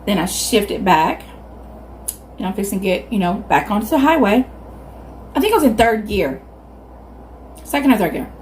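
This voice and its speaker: A woman in her fifties with a Southern US accent, telling a casual, animated story to viewers as she hosts a mukbang, chewing while she talks. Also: fairly high pitch, a little hiss or hum. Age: 50s. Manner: animated, acts out quoted reactions. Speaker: mukbang video host.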